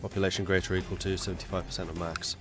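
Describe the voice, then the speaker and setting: Over music, a low-voiced man delivers very fast, level-toned live gameplay commentary. He's a gaming streamer with a cold, congested yet chatty, muttering to himself as he plans his way through a strategy game with viewers watching.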